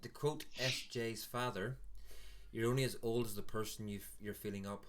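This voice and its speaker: A man's voice: on the low side, fairly even intonation, moderate pace, a little hiss or hum. A man in his forties with a Northern Irish accent, hosting a casual chat stream with teasing banter. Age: 40s. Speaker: host.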